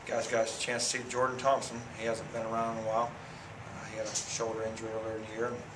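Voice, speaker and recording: Low, flat-voiced coach at a press conference. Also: male voice. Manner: plain, measured, many fillers and restarts. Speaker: head football coach. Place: press room in front of a sponsor backdrop. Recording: echoey room audio from a far camera, noisy.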